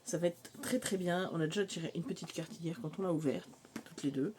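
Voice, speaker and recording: Rambling woman vlogging with faint noise. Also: fairly low pitch. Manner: rambling, many fillers and trailing pauses. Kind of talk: casual vlog chat. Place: mobile home on a hot day.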